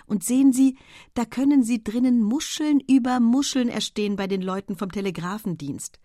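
A woman's voice: on the high side, normal speed, warm tone, dry recording, studio quality, pitched above the performer's own voice, natural voice. A woman voicing an eager young suitor. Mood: persuasive. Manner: eager, persuasive.

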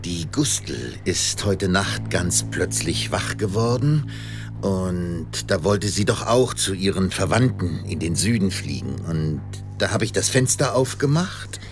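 An actor playing a guilty, fibbing opera-singer father in a radio play, with a deep booming voice and music behind. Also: full character voice. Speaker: father Luitpold.

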